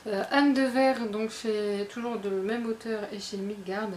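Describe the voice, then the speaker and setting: A woman vlogger chatting about her reading plans in a loose, self-mocking way, filling pauses with little hesitations. Her voice sits at an ordinary middle pitch. A faint noise hums under the recording. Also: fairly even intonation, a little mellow. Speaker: book vlogger. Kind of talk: casual chat.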